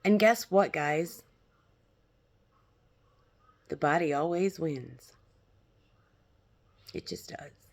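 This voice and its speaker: Woman doing self-help influencer talk, lowish voice, really unhurried, blunt n casual w lots of checking in. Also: lively intonation, creaky, darkish tone. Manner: self-help influencer delivery, blunt, emphatic, halting with check-ins to listeners.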